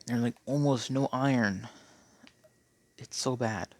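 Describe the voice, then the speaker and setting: A man with a gravelly, mid-pitched voice gives casual gameplay commentary, rambling and tacking on "okay?" again and again. His throat sounds phlegmy, and the recording is dry and close. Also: takes it slowly, darkish tone, no echo. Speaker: Minecraft player.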